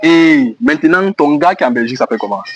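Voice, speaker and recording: A man's voice: fairly high pitch, lively intonation, fast, lo-fi sound, soft background music. A man with a Cameroonian French accent hosting a fidelity test, probing and teasing as he questions a woman about her phone contacts. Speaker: host of a fidelity-test show. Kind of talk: casual on-camera interrogation.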